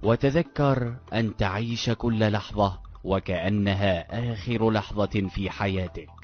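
A man reading out earnest, measured motivational advice. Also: fairly low pitch. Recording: lo-fi with faint background music.

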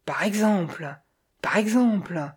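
A reader voicing a rustic village innkeeper from a detective novel, a man who exclaims and doubts, with a husky voice. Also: mid-range voice, lively intonation, slow, voice pushed up. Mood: puzzled. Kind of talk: audiobook character reading.

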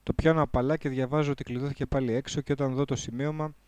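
A man reads his own odd first-person tale in a relaxed, slangy way. His voice is dark and mellow, and it is recorded close and dry with no room around it. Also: mid-range voice, clear, resonant tone, dry recording. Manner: casual, crude slang, restarts and corrects his lines. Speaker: performer recording a spoken piece. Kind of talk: reading a surreal first-person text, rehearsing.

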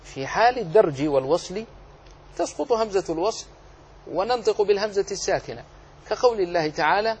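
A man teaching the rules of Quran recitation, explaining slowly, drawing out example words and asking and answering his own questions. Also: high-pitched, expressive, a little mellow, a little hiss or hum. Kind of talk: tajweed lesson.

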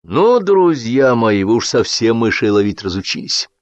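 Brief: a domineering male editor who talks down to his staff, raised and lively, read by a man, dull lo-fi audiobook. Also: fairly low pitch, moderate pace, no room sound. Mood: lecturing. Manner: authoritative, condescending. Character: stern domineering male newspaper boss.

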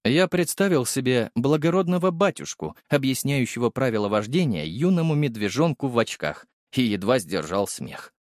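Guy reading an audiobook, first person, really lively pitch swings, super dry mic. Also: normal speed, few pauses, no room sound. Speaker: audiobook narrator.

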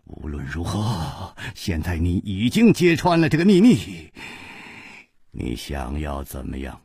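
A man voicing a cultured, scheming young monk who speaks low and hushed, half-whispering. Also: huge pitch swings, measured pace, breathy edge, no echo, clean studio sound, exaggerated voice. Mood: quietly menacing.

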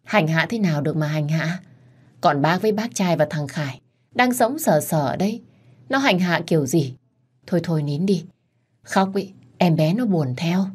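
A woman voicing a gruff but kind older mother-in-law who scolds and soothes. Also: lowish voice, lively intonation, normal speed, darkish tone. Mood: gruff, soothing.

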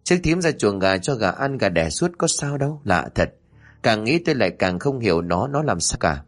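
Man reading a chatty kindly aunt figure for an audio horror story, animated lilt. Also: on the low side, moderate pace. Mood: puzzled. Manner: chatty, wondering, clucking. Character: fussy older village woman, kindly but puzzled.

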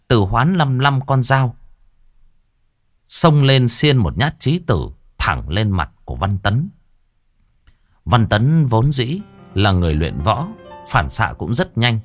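Low dramatic male ghost story narrator. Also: dry recording. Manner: dramatic, expressive pacing. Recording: dry close voice over faint music.

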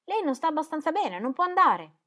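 A proud young gentleman, shaken and tender, as a woman reads him in an audiobook. He speaks in a soft, low-key tone. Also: sing-song, a little fast, exaggerated voice. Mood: alarmed. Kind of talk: audiobook reading.

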